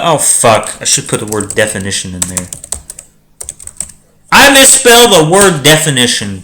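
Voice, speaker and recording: A man's voice: medium pitch, sharp tone. A young man reading a dense book aloud and ranting about it with constant swearing and exasperation. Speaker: reader. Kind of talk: comedic profane reading commentary.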